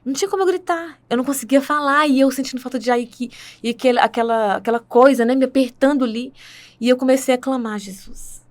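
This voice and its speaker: A woman's voice: sits high, quick pace. A woman with a Brazilian Portuguese accent telling her faith testimony in conversation, earnest and full of tag questions.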